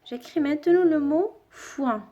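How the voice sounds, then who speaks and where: A woman teacher giving a children's reading lesson, spelling out sounds slowly and deliberately. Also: sits high, lively intonation, dark tone, lo-fi sound, a little hiss or hum.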